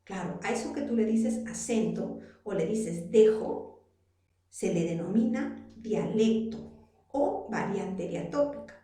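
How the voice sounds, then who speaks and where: A woman's voice: on the high side, warm tone. A woman teacher from Peru with a Peruvian accent, explaining a lesson patiently and asking her students rhetorical questions. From Arequipa, Peru. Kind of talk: classroom lesson. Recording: very echoey room, voice far from mic.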